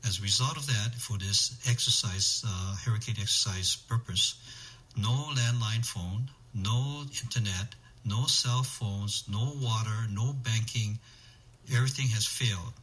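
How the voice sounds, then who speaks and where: A man with a slightly low voice answers as an interview guest. He explains methodically, setting out points one short phrase at a time. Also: measured pace, a bit bright, low-quality recording. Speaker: interview guest, amateur radio emergency organizer.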